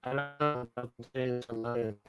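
A man's voice: mid-range voice, fairly even intonation, normal speed, fairly bright tone, smooth, soft background music. A man chatting casually as co-host, his voice turned robotic and metallic by a glitching video call. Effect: robotic, metallic distortion from a glitching video call. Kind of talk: casual chat.

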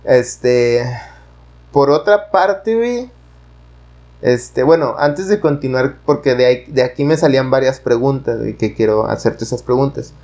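A man with a Mexican Spanish accent who talks loosely and rambles, peppering every phrase with slang. His voice sits at an ordinary middle pitch. He tells a story in casual conversation. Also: unhurried, darkish tone, dull audio. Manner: rambling, slangy, many fillers.

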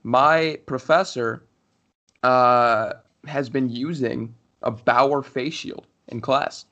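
A man's voice: medium pitch, fairly even intonation, slow pace, sharp tone, lo-fi sound. A young man co-hosting a hockey podcast, talking in a rambling casual way with many restarts. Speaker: podcast co-host. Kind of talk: casual chat.

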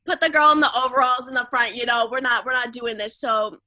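A young woman co-hosting a podcast, telling a story in a casual, animated way with lots of laughter. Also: on the high side, quick pace, no echo. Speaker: podcast co-host. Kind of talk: casual chat.

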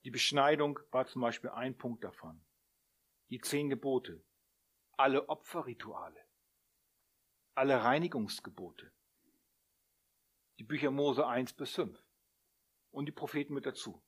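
A man preaching a sermon, who talks straight to his listeners, asks them questions and builds up to loud, emphatic appeals. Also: medium pitch, a little slow, long pauses, husky. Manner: addresses the listeners directly, asking them questions.

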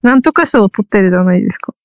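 A woman's voice: mid-range voice, lively intonation, rapid-fire, no echo. A woman from Ehime who teaches English literature, chatting casually, wry and trailing off as she searches for words. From Ehime, Japan. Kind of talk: casual chat.

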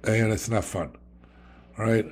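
A middle-aged man with a New York accent shares his recovery story as a guest, talking candidly in a blunt, streetwise style. His fairly low, darkish voice moves a little slowly, and he frequently checks in with "okay?"

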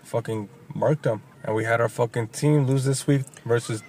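A man's voice: mid-range voice, fairly even intonation, normal speed, darkish tone, slight background noise. A man co-hosting a casual sports chat, reading league results and standings, swearing often and slipping in Spanish phrases. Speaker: podcast co-host reading soccer results.

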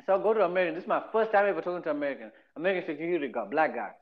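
A man from Zimbabwe with a Zimbabwean accent, hosting a podcast in a casual storytelling chat. He talks in an animated way, repeats phrases and acts out the voices of people in his stories. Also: a little high, very fast, phone-quality sound. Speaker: podcast host.

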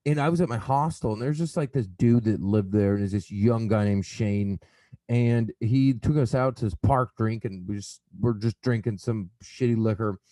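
A man's voice: on the low side, normal speed, mellow, no room sound. A man from the American South chatting casually, telling stories animatedly, swearing freely and acting out quotes. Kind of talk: casual chat.

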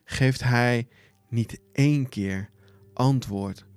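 A man giving a devotional Bible retelling as a preacher, speaking in a slow, dramatic storytelling style with long pauses. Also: medium pitch, clear, resonant tone, no room sound.

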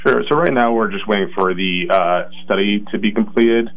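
Low-voiced man on a phone line. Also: normal speed. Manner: careful, explanatory, stops often to rephrase. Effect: heard over a phone line. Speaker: county planning coordinator, guest. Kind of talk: radio interview answers.

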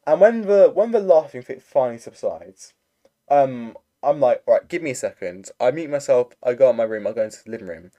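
A man's voice: mid-range voice, lively intonation, fairly quick, dark tone. A young man, telling a rambling story in casual chat over a voice call, full of fillers. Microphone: computer mic on a voice call.

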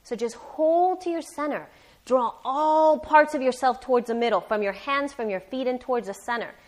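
A woman teaching a live yoga class, guiding step by step in a careful, unhurried and encouraging way. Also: sits high. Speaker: yoga instructor.

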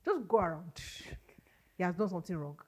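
A woman's voice: lowish voice, lively intonation, fairly quick, darkish tone. A woman, a podcast guest telling stories in casual chat and laughing often.

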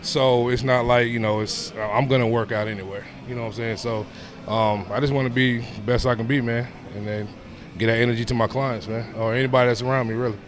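With crowd noise around him, a medium-pitched man in his thirties speaks fairly quickly; the background noise is clear and steady. He is a personal trainer being interviewed, keeping it casual and informal and frequently tossing in "man" and "you know."

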